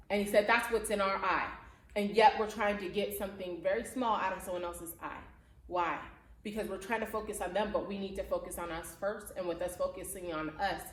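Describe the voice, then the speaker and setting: A woman preaches to young people in an echoey room. Her delivery is earnest and encouraging, with plain, conversational phrasing at a medium pitch, as a youth pastor talking straight to her listeners.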